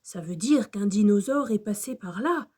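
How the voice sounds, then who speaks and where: A woman's voice: mid-range voice, lively intonation, moderate pace, dark tone, lightly acted. Woman voicing a wise old male dinosaur. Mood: explaining. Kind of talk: children's storybook reading.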